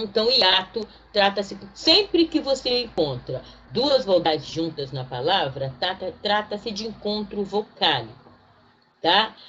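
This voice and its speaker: Woman teacher, lowish voice, patient step-by-step explainer, muffled lo-fi home recording. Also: a bit bright. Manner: slows down to spell out example words one by one. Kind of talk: recorded online grammar lesson. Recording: dull lo-fi recording, faint noise.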